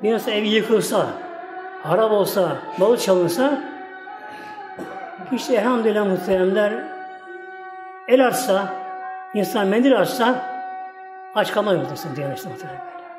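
An Islamic preacher speaks in a mosque with a high, expressive voice at normal speed, pausing often. He rambles through folksy stories, repeatedly addressing the congregation as "my esteemed ones" and saying "like this." The hall echoes with long reverb and faint music.

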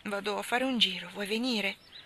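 A woman's voice: mid-range voice, moderate pace, bright, forceful tone. A woman voicing an ashamed, tearful young boy in an audiobook. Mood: pleading. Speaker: reader voicing a character. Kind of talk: audiobook dialogue.

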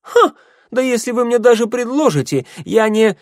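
A man voicing a stubborn, hot-tempered peasant girl in an audiobook, shrill and indignant. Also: expressive, moderate pace, no room sound, clean studio sound. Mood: furious. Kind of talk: audiobook character voice.

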